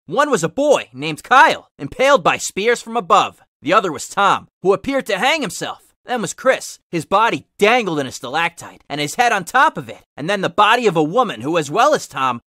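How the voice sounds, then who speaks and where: A man's voice: high voice, pushed and bright, dry recording, studio quality, full character voice. A man voicing a cocky, sarcastic cartoon hedgehog who reads fan fiction aloud with wry commentary. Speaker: host and reader.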